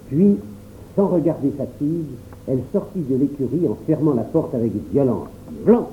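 A man narrating a storybook in a calm, measured first-person voice. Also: medium pitch. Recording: tinny phone-like audio with faint hum.

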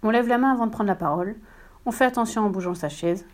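A woman narrating a children's story in a gentle, steady manner. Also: medium pitch, fast talker. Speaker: reader.

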